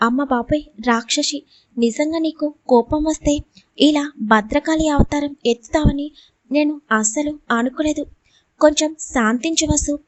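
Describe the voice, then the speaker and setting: Teasing, soothing young husband for a storybook scene, read by a woman narrator in a high, dry voice. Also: normal speed, no echo, lightly acted. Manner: playful, soothing. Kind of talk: audiobook character reading.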